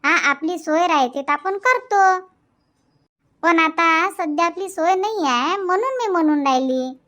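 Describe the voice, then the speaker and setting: In a dubbed cartoon comedy, a woman voices a sarcastic, grumbling village wife with an extremely high, nearly childlike voice and a Varhadi Marathi accent from Vidarbha. Speaking a little slowly with a fairly bright tone, she rambles through resentful, thrifty complaints.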